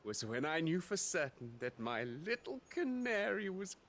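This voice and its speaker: A man's voice: a little high, big pitch swings, unhurried, fairly bright tone, heavily acted. An actor playing a lovelorn male suitor in a video game, with flowery, theatrical delivery. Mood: lovelorn, earnest.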